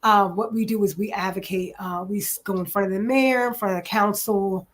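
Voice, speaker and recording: A woman's voice: medium pitch, steady tone, fairly quick. A woman in her forties from New Jersey, introducing herself in a casual interview, chatty and full of ums. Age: 40s. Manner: chatty, many ums, says "literally" often. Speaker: guest.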